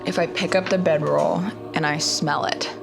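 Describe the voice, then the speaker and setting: A woman with a low-pitched voice, vocal fry, and fairly even intonation speaks at a moderate pace while playing a tabletop roleplaying game, thinking aloud casually as she describes her character's actions. A prominent background music score runs underneath.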